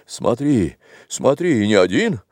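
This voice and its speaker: Brief: male reader as an ironic middle-aged nobleman, warm gravelly tone, animated phrasing. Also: mid-range voice, takes it slowly, dry recording, studio quality. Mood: sardonic. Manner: ironic, reasoning. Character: Glumov, sardonic middle-aged nobleman friend.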